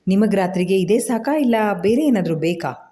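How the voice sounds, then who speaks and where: A woman's voice: medium pitch, lively intonation, normal speed, mellow, close to an everyday voice. A woman voicing a tearful, guarded young mother in an audio story, speaking in a restrained, clipped way. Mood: plain.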